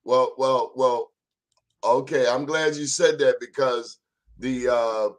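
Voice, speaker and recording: A man's voice: medium pitch, steady tone, takes it slowly. A man hosting a casual interview, playful and teasing, with slangy talk. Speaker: host.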